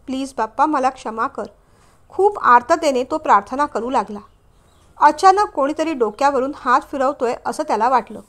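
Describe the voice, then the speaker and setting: Woman storyteller, expressive emotional reading, high-pitched. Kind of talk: scripted story narration.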